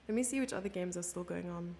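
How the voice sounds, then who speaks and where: A woman with a South African English accent gives live chess commentary, reading out viewers' questions and answering them as she chats. Her voice is lowish, fast, creaky and a little mellow, with a slight hiss or hum in the recording.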